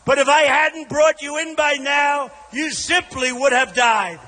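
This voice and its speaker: Trusting, soft-hearted woman acted by an American man in a rally speech fable: high, melodramatic, forceful, long echo. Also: full character voice. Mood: tender. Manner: drawn-out, melodramatic. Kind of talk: dramatic rally speech recital of a verse fable. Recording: large echoing hall over PA.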